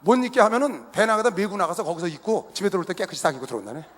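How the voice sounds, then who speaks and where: A middle-aged male pastor tells a family story from the pulpit and acts out every exchange. His voice is high, quick and husky, and it swoops widely in pitch. Long reverb from a large arena trails behind each phrase. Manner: animated storyteller who acts out family dialogue and laughs at himself. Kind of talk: sermon with personal storytelling. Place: large indoor sports arena used for worship. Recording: echoey arena hall.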